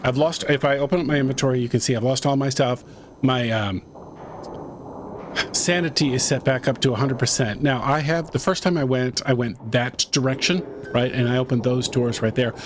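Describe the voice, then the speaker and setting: Playing a horror game, this YouTuber keeps up a tense running commentary, talking under his breath to himself and his viewers. He speaks at a moderate pace in a medium-pitched, steady voice over background noise.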